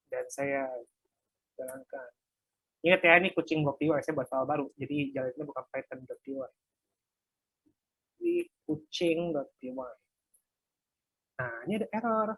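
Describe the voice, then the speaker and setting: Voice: mid-range voice, fairly bright tone, husky, no room sound. A workshop instructor casually talking through a live coding example, thinking aloud while typing and muttering asides. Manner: casual, light laughs at own mistakes.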